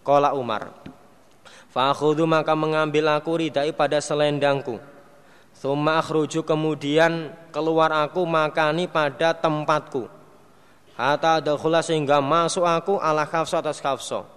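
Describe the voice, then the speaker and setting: A man giving a sermon, reading a classical text phrase by phrase and translating each phrase, with lively asides. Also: a little high, moderate pace, clean tone, in a large hall. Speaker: preacher.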